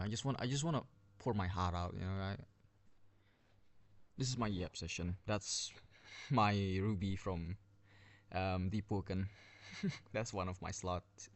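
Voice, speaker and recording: A man giving casual commentary on game skins, rambling with many restarts and running out of breath, recorded on a built-in device mic under a blanket. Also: low voice. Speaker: video game skin reviewer. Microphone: built-in device mic without headset.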